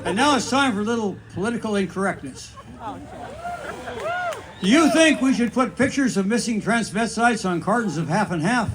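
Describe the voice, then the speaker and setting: A man in his eighties telling jokes on stage at a variety show, dry and deadpan, with brisk setups and quick punchlines. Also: high-pitched, a crowd in the background, background noise. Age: 80s. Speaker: comedian. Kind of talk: stand-up joke telling.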